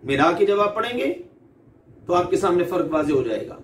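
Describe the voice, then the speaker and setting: High-voiced man teaching recitation, echoey room. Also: lively intonation, distant mic. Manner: drawn-out, emphatic demonstration of letter sounds; patient, repeats each example. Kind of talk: recorded recitation lesson. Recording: echoey room, off-mic, faint ambience.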